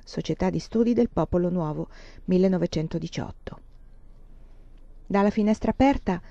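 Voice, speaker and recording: A woman reading a novel aloud in a calm, measured way. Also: lowish voice, no echo, muffled recording. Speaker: reader.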